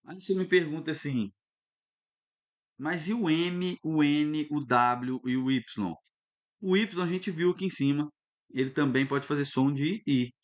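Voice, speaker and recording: A man teaching a recorded lesson, lively and instructive, often stopping to check that students follow. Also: on the high side, measured pace, highs cut off. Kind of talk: recorded online lesson at a whiteboard.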